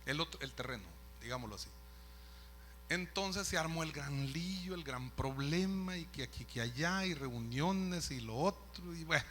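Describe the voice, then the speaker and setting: Man, pastor, storytelling sermon, conversational asides, bright tone, faint hum behind. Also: a little high, lively intonation, normal speed. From El Salvador. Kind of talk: sermon testimony.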